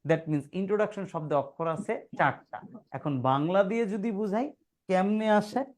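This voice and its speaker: A man's voice: sits high, moderate pace, a little mellow. A male grammar teacher giving a classroom lesson. He keeps asking rhetorical questions, calls his students "brother" and sounds words out syllable by syllable.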